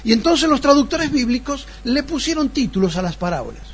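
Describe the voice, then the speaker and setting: A man's voice: extremely high pitch, big pitch swings, a little fast, slight background noise. A man preaching a sermon as pastor, explaining a text and putting rhetorical questions to his congregation.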